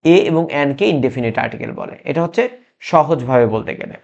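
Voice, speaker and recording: A man's voice: medium pitch, animated, vocal fry, darkish tone. Patient male grammar teacher, muffled sound. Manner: slow, patient explaining with many restarts and fillers. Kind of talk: recorded classroom lesson.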